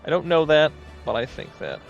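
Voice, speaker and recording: A man with a fairly high voice chats his way through a video game. He rambles casually and pokes fun at himself, on slightly muffled audio with music underneath. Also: very animated, fairly quick, vocal fry. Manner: self-deprecating, rambling. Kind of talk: casual gameplay commentary.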